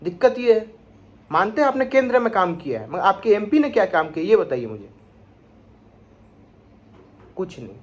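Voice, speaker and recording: A young man with a noticeably high voice vents about politics in a vlog, speaking. He is indignant and sarcastic and keeps firing rhetorical questions at his target. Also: very animated, moderate pace, long pauses. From Bihar, India. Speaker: political commentator vlogger. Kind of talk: opinionated political rant.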